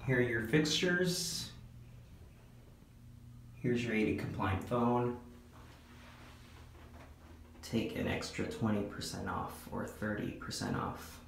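A man narrating a handheld walkthrough of a store elevator, slow and enthusiastic, recorded on a phone indoors. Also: lowish voice, creaky, slight background noise. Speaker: elevator video vlogger. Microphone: phone camera held in hand.

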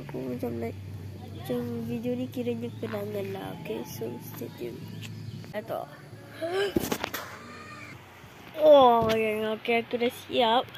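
A woman's voice: a little high, expressive, slow, creaky, long pauses, background noise. Chatty Malaysian young woman vlogging outdoors. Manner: chatty, rambling, frequent coughs and fillers. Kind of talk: casual vlog chat. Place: outdoor campsite among trees. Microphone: phone held close at arm's length.

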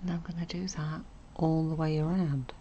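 A woman hosting a casual stitching tutorial, chatty and self-correcting, often dropping to a soft murmur as she works. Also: low-pitched, level tone, normal speed, dull audio, a little hiss or hum. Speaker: sewing tutorial host.

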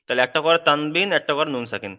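Man drilling Arabic letters in a sing-song voice. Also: a little high. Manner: slow sing-song drilling of letter sounds, then quicker explanation. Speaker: Quran reading teacher. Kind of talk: recorded online lesson, spelling out Arabic letters. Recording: dull, muffled recording.

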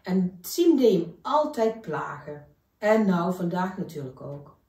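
A woman reading a children's story aloud in a gentle, expressive way. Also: lowish voice, a little slow, far from the mic. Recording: echoey room, voice from afar.

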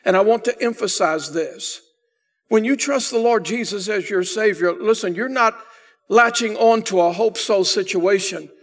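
This older pastor's sermon comes from the pulpit of a church sanctuary, in a high voice at normal speed. He leans into key phrases with emphatic force, raising his volume as he stresses them.

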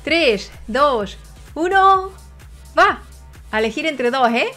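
A young woman from Spain with a Spanish accent, giving chatty gameplay commentary straight to her viewers and breaking into excited shrieks. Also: high voice, takes it slowly, faint music behind. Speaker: gaming streamer.

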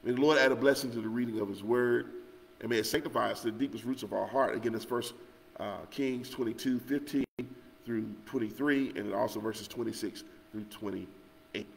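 A man's voice: mid-range voice, fairly quick, creaky, long reverb tail, a little hiss or hum, poor audio. A man teaching a Sunday school lesson who walks through scripture and often checks in with "okay?". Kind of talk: Bible lesson with scripture reading. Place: church.

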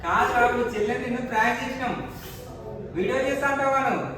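A man's voice: very high voice, quick pace, crowd noise. A man hosting a casual vlog with a Telangana Telugu accent. He coaxes and teases children with repeated, laughing questions. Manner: repetitive, teasing, laughing questions. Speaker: vlogger host. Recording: echoey room, distant mic.

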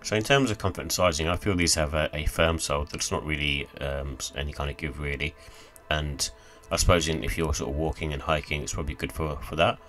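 A man with a very deep voice talks through a sneaker review in a loose, rambling way, leaning on "sort of" and "kind of" again and again. Soft music plays faintly under his voice-over. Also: brisk, few pauses. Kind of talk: casual product review voice-over.

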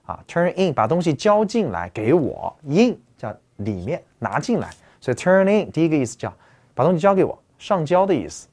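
Animated man teaching English vocabulary. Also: on the high side, normal speed. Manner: animated, asks listeners rhetorical questions, repeats key words. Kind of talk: explanatory lecture.

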